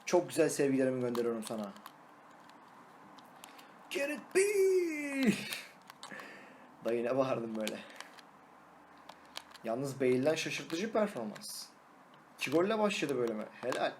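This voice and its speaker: A young man, a gaming YouTuber, giving excitable live commentary on his own match, shouting and singing at goals and teasing his opponent. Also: mid-range voice, moderate pace, long pauses, a little hiss or hum.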